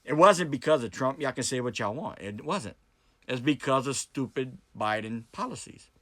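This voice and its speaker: A man's voice: medium pitch, lively intonation, moderate pace, pushed and bright, no echo, clean studio sound. An American man giving an opinionated, unscripted monologue to viewers, blunt and emphatic, repeating points and asking rhetorical questions. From United States. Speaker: political commentary vlogger who hosts debates.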